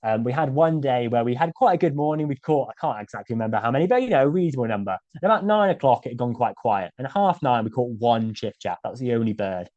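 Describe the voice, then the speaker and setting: A man's voice: mid-range voice, expressive, fast, hardly any pauses, darkish tone, no echo, muffled recording. A man giving a casual illustrated talk as a guest speaker, with many fillers, "um"s and restarts.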